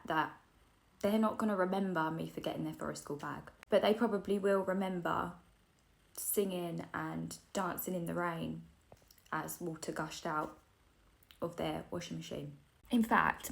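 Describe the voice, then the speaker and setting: Tearful mum with a gravelly voice. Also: female voice, medium pitch. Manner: tearful, candid, self-deprecating. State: close to tears. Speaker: mum sharing a story. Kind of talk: emotional storytime vlog.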